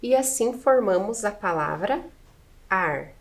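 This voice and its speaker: A woman's voice: medium pitch, animated, takes it slowly. A Brazilian woman teacher with a Brazilian Portuguese accent, patiently spelling out letters and syllables one by one in a video lesson.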